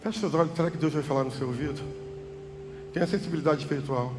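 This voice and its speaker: Brazilian pastor preaching in a reverberant hall. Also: male voice, a little high, fairly even intonation, quick pace. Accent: Brazilian Portuguese. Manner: preaching with big swings from loud cries to soft hushed tones. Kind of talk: sermon. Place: church hall. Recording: church hall reverb with music behind.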